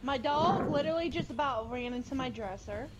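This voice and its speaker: A woman chatting during a game, excitable and blurting out reactions. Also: sits high, a little fast. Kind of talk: casual gaming chat.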